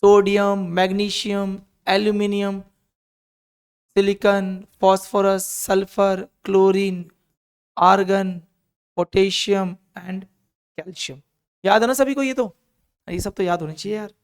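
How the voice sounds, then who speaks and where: A man's voice: sits high, little pitch movement, takes it slowly, pauses often, clean tone. A male chemistry teacher with an Indian accent giving an encouraging classroom lecture, drilling students through repeated call-and-response lists.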